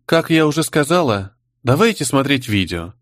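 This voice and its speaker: A man reading the part of a composed young woman who answers an interrogation calmly and with pointed defiance. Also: medium pitch, no room sound, studio quality, lightly acted. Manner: calm, measured, pointed.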